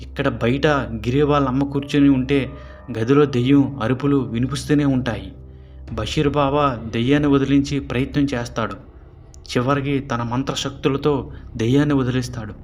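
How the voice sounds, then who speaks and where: A man narrating a horror story in a steady storytelling manner. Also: medium pitch, normal speed, faint music behind.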